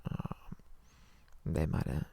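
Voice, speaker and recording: In an intimate ASMR roleplay, a man plays a sleepy, affectionate partner the morning after a hookup, murmuring hesitantly and tenderly close to the mic. His natural voice is breathy and gravelly with a dark tone, and he speaks slowly with no echo.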